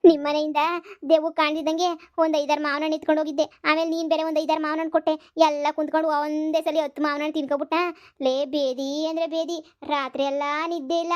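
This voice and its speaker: A moaning, worn-out village woman from a cartoon comedy, as a woman acts her out. Her voice is high and thin, with long wailing calls. She complains that she is feeble and drained. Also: lightly acted. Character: weak, worn-out village woman with a stomach bug.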